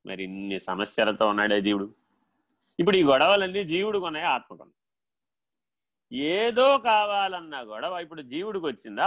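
A spiritual teacher with a fairly high-pitched voice gives an animated discourse. He swings between loud rhetorical questions and quiet asides, and acts out little dialogues in his own voice.

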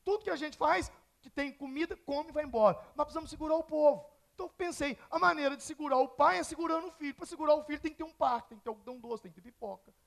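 A man's voice: extremely high pitch, racing, creaky. A Brazilian man preaching a sermon in church, telling stories with acted-out dialogue and firing emphatic questions at the congregation. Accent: Brazilian Portuguese. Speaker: pastor.

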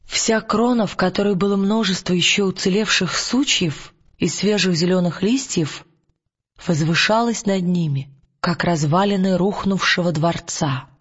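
A man reading an audiobook aloud in a calm, measured storytelling manner. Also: high voice, slightly rough, muffled recording. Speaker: audiobook narrator. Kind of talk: scripted narration.

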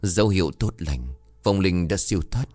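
A man voicing a calm, authoritative older village shaman in a ghost story. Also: sits low, moderate pace, no echo, faint music behind. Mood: solemn.

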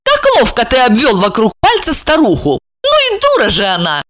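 A woman voicing a brash, greedy young woman who makes impatient, shrill demands in an audiobook. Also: wildly swooping pitch, normal speed, a bit bright. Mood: pushy. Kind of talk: audiobook character voice.

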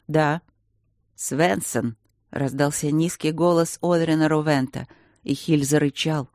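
A man reading an audiobook in a steady, even scripted narration. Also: on the high side, no echo, studio quality.

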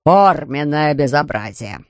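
A reader voicing a stern, pompous older male judge who speaks slowly and gruffly. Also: mid-range voice, lively intonation, dry recording, clean studio sound, pitched below the performer's own voice, natural voice. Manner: slow, gruff, barking.

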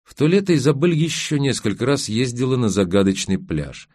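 A man narrating a novel aloud in an expressive storytelling manner. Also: medium pitch, brisk, no echo, studio quality. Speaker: audiobook narrator. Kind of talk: scripted narration.

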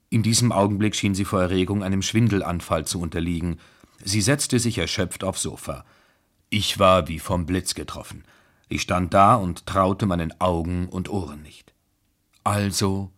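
A male narrator reads a literary novel for radio. His voice is husky and rather low. The delivery is measured and expressive.

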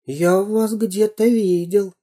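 A storyteller voicing a timid, frightened little boy in a storybook reading, pleading in a high, plaintive voice. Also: fairly even intonation, takes it slowly, warm tone. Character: scared little boy sailor, timid and tearful.

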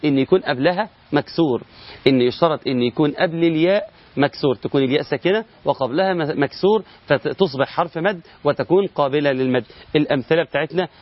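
A middle-aged man with an Egyptian Arabic accent leads a tajweed lesson, asking questions and answering them himself. He stretches the sample words to show the long vowels. His slightly high voice comes through a dry, muffled recording. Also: fast talker, no room sound. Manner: explains step by step, asks and answers himself, drawls sample words. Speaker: Quran recitation teacher.

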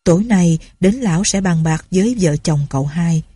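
Husky low-voiced woman storyteller. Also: expressive, moderate pace, mellow, no room sound. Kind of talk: audiobook story narration.

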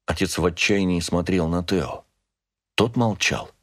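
Low-voiced guy reading an audiobook, measured and dramatic, dry close sound. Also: no echo. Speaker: audiobook narrator. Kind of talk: scripted narration of a novel.

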